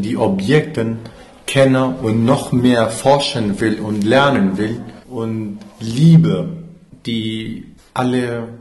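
A man plays an undercover agent posing as a museum worker, speaking halting German with an Arabic accent in a blunt manner full of swearing. His voice is on the low side and a little mellow, and the sound is reverberant.

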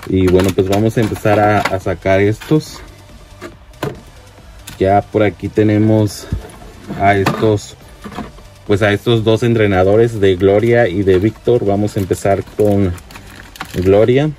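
A man giving relaxed, chatty commentary while unboxing toy figures at a display shelf, with plenty of fillers. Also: on the low side, measured pace, pauses often, music in the background.

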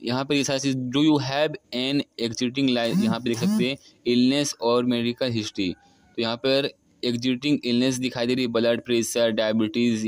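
Step by step and with plenty of repetition, a young male host of about twenty walks through a phone app in an unscripted screen-recording tutorial. He has a mid-range voice, with no room sound.

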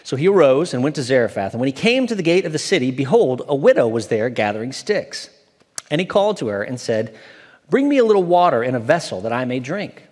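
A man's voice: mid-range voice, big pitch swings, darkish tone. Man preaching in a reverberant church. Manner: measured, reads aloud slowly from an open Bible. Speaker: associate pastor. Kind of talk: scripture reading and sermon. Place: church stage, large indoor hall. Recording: long hall reverb from a church sanctuary.

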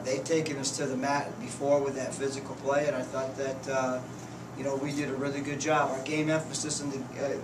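A man in his fifties, a head coach giving plainspoken, halting postgame answers at a press conference table. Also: mid-range voice. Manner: plainspoken, halting, restarts often. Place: press conference room, indoors. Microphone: table mics, heard from a distance. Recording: echoey room, distant mic, noisy.

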